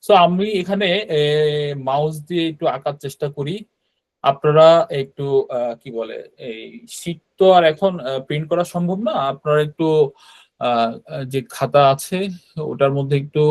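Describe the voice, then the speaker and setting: Man, fairly high voice, online teacher, patient step-by-step explaining, pauses and fillers. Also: darkish tone. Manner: explains step by step with many hesitations. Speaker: language teacher. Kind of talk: live online class.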